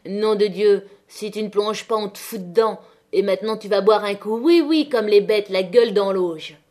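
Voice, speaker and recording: A woman reading aloud voices a coarse older woman in a mining mob, jeering loudly and cruelly. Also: mid-range voice, normal speed, lightly acted.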